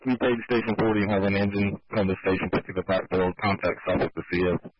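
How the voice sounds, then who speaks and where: A man with a fairly deep voice coordinates fire units by radio. He talks rapidly. The channel is muffled and dry. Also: fairly even intonation, heavy background noise. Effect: two-way radio. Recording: dull lo-fi two-way radio.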